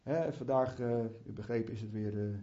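On a muffled, lo-fi recording, a man preaches at normal speed in a warm, mid-range voice. His sermon is fervent and chatty, with side remarks and restarts, and often climbs into heartfelt prayer.

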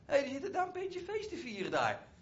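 A man's voice: very high voice, huge pitch swings, fast, a bit bright, lo-fi sound, pitched above the performer's own voice, full character voice. A man voicing a jealous grown elder son who complains indignantly about being overlooked. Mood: resentful.

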